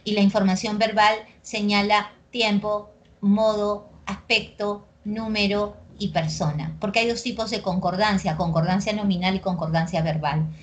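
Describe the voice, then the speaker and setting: A young woman with a Peruvian accent lectures a class at an ordinary pitch for a woman. She sounds lively and keeps tossing quick tag questions at her students to check that they are following. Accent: Peruvian Spanish. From Peru. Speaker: pre-university language teacher.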